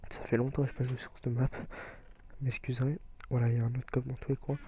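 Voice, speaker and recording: A man's voice: mid-range voice, flat delivery, quick pace, dark tone, a little hiss or hum. A young man giving casual gameplay commentary, explaining step by step with frequent hesitation fillers. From France. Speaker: gaming video creator.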